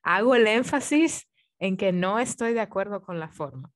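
Animated woman telling a story. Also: mid-range voice, normal speed. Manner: animated storyteller, laughs often. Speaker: podcast guest. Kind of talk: casual podcast chat.

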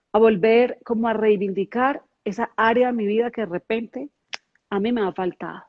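A woman's voice: mid-range voice, darkish tone, dry recording. Middle-aged lady sharing a personal story, earnest, repeats herself, dry dull sound like a video call. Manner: emotional, earnest, with many repeated words. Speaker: guest. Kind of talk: personal testimony in a podcast conversation.

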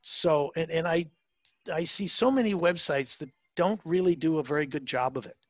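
In a dry, dull-sounding recording, a man with a somewhat high voice speaks at a normal pace. He's being interviewed as a salon marketing consultant and gives advice emphatically, with lots of fillers and repeated words.

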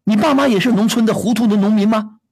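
A man's voice: sits high, fast talker, darkish tone, slightly rough. A middle-aged man hosting a call-in advice show, bluntly scolding a caller with rhetorical questions. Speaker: radio advice host.

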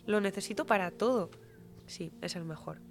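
A woman guest in a casual podcast conversation, talking in an animated, heartfelt and slangy way. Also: medium pitch, normal speed. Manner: animated, emotional, slangy, often says "tío".

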